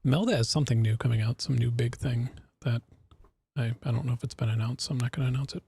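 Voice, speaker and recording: A man's voice: mid-range voice, fast talker, gravelly, background noise. A man speaking as a guest in a casual livestream chat, laid-back and often trailing off.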